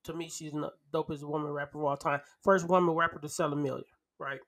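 Blunt, ribbing man with a higher-pitched voice. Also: steady tone, quick pace, fairly bright tone. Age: 30s. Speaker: podcast co-host. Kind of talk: casual opinionated debate chat.

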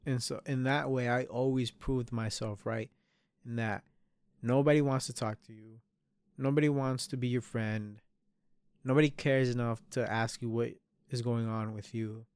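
In his early twenties, a podcast host delivers a solo reflective monologue, talking candidly, swearing a lot and trailing off before starting over. His mid-range voice is steady, moderately paced and darkish, and the studio-quality recording is clean with no echo.

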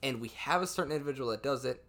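A young man chatting on a casual podcast, joking and swearing, with laughs slipping in between his lines. His voice has a sharp, bright edge at a middle pitch. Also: racing. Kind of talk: casual chat.

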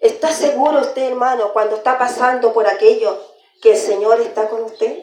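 A woman preaches with fervour, her high voice repeating phrases for emphasis. She sounds like she is in an echoey church room. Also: fairly even intonation, normal speed, a little mellow. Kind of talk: sermon.

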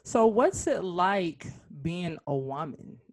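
A woman hosting a casual interview, encouraging and quick to affirm her guest. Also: lowish voice, expressive. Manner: encouraging, frequent short affirmations. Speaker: host, interviewer.

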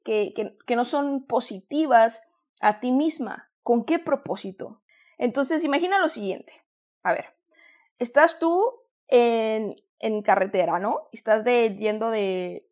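A woman with a Mexican accent speaks in a high voice, giving a motivational talk on self-love. She talks in an affectionate, conversational way, repeating and restarting phrases as she goes. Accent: Mexican Spanish. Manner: warm, affectionate, addresses listener as "hermosa".

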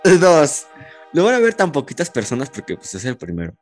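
A man's voice: fairly high pitch, wildly swooping pitch, normal speed, faint music behind. A teenage boy with a Mexican Spanish accent, co-hosting a podcast in casual banter, teasing and insistent, calling his friend "hijo". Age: teens. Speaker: podcast co-host.

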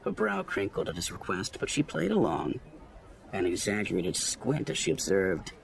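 A man narrating a story as an audiobook reader, in an expressive storytelling manner. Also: low-pitched, normal speed, creaky. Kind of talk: scripted narration.

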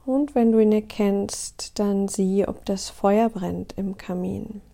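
The calm, soothing guide of this meditation is a woman whose breathy, husky voice often sinks almost to a whisper. She pauses deliberately, speaking at a mid-range pitch.

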